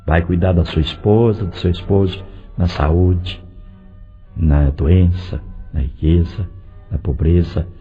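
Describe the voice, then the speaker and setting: A male pastor preaching a lively sermon, firing direct questions at the congregation and swinging between loud and soft delivery. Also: low-pitched, slightly rough. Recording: dull lo-fi recording with faint music.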